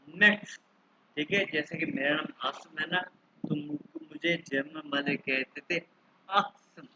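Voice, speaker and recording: Man, German teacher, online call, slightly high voice, muffled sound with steady background noise. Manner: slow, repeats words for drilling. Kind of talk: online language lesson. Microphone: video call.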